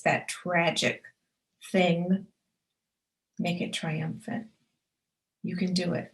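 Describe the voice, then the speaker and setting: An author and publisher hosts her own show, giving an earnest motivational talk in a slightly low voice. She speaks straight to the listener to encourage them, stacking short, punchy affirmations and repeating key phrases for emphasis. The audio quality is poor.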